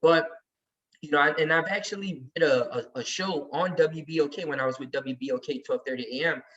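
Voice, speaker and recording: A man's voice: fairly high pitch, brisk, a bit bright. A man talking emphatically and heatedly in casual chat as a regular on a sports podcast. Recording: distant, muffled recording.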